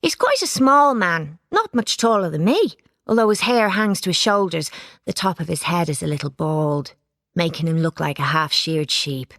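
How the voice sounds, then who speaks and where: A woman reading a children's storybook aloud, giving it lively expression. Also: on the low side, normal speed, no room sound, clean studio sound. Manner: lively character voices, plain narration. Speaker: audiobook reader. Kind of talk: storybook narration.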